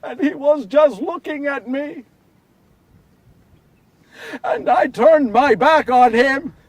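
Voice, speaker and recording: A man playing Simon Peter, a remorseful fisherman apostle, telling his story in a first-person monologue. He moves between hushed confession and loud anguish. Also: high-pitched, very animated, unhurried, slightly rough, dry recording, recorded from a distance, exaggerated voice.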